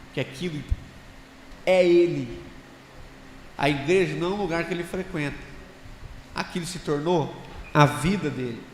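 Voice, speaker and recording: A man's voice: a little high, slight background noise. A man speaking on a church conference panel in a casual talk style, telling stories and asking the audience rhetorical questions. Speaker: conference panelist sharing reflections. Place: large church hall. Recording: echoey hall with long reverb, faint ambience.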